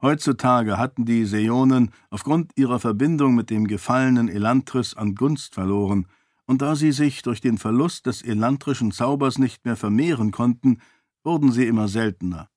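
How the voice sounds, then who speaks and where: A man reading a fantasy audiobook in a measured, clear storytelling manner. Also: medium pitch, darkish tone, no echo, clean studio sound. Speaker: audiobook narrator. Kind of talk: scripted fantasy narration.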